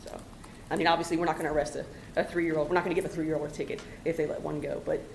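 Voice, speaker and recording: A woman giving an earnest public comment at a council meeting, halting and full of "you know" fillers, recorded in a council chamber. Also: sits low, level tone, gravelly, darkish tone. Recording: echoey council chamber recording, faint hum.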